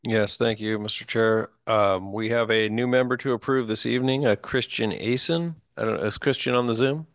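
A man who is a fire chief, briefing a board meeting in a measured, informative way. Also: medium pitch, fairly bright tone, no echo, studio quality. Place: public meeting room.

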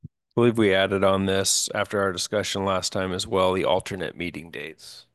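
A fire chief presents at a board meeting in a measured, informative manner. He is a man with a smooth, resonant voice. The recording is dry and close. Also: deep voice, fairly even intonation, no room sound. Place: public meeting room.

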